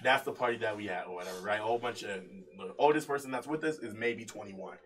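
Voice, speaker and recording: A man's voice: fairly low pitch, quick pace, crowd noise. A young man co-hosting a podcast, telling a story among friends in a casual, slangy way, laughing and acting out what others said. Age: young adult. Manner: slangy, laughing, acts out quotes. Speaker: podcast co-host. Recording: distant mic with background noise.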